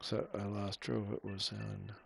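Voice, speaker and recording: Canadian guy, low gravelly voice, mumbling racing-game commentary, loud engine noise behind. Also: completely flat delivery, a little slow. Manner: muttering to himself while driving. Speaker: sim racing gamer. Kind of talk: casual gameplay commentary. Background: car engine sounds from the game.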